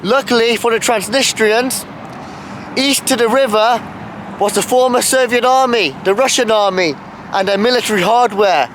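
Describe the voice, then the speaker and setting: A man's voice: high voice, fairly bright tone, slight background noise. A man filming a travel vlog outdoors on a city street in winter, shivering from the cold as he explains what he sees. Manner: chatty, informative, self-filming. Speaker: travel vlogger.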